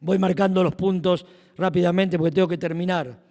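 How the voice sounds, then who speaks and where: A man with a Rioplatense Spanish accent preaching a sermon, emphatic and swinging from loud to hushed. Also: sits high, fairly even intonation, brisk. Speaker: pastor. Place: church. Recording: long reverb of a church hall.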